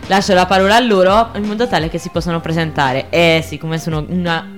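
A woman's voice: fairly low pitch, steady tone, fairly quick, soft background music. Playful woman with southern Italian Pugliese accent. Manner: playful, teasing. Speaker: radio show co-host. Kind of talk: casual banter.

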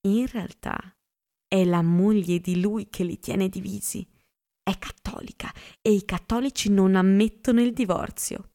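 A woman voicing a gossipy, excitable young woman in an audiobook, with a chatty manner. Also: medium pitch, a little slow, close to an everyday voice. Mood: confiding. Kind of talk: audiobook character reading.

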